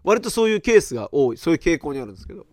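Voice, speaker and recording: Very fast and a little high, a middle-aged man hosts a podcast, loosely rambling through a story with lots of fillers. He animates it by acting out other people's reactions, and the studio sound is clean with no room tone.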